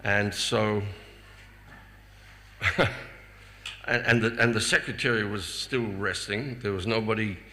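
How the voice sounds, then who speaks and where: An older man with a lowish voice shares personal memories with a live festival audience, speaking slowly with long pauses. He chuckles often and stumbles over repeated words when excited, in a reverberant hall with faint ambient noise.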